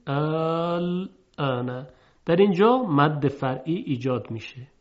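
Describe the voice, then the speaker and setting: A man teaching Quran recitation in a measured, explanatory way, slowly drawing out example words to show their sound. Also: fairly high pitch, darkish tone. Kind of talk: recorded lesson lecture. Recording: muffled lo-fi recording.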